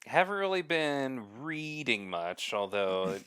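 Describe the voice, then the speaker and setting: A man co-hosting a casual podcast, talking slowly with many fillers and wry complaints. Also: medium pitch, very animated, bright, forceful tone, clean tone, no echo, clean studio sound. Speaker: podcast co-host.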